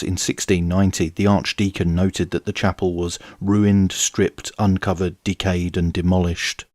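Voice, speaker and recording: A man in his forties giving measured, wry, scripted documentary narration as a history channel host. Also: low voice, a little mellow, no echo, studio quality.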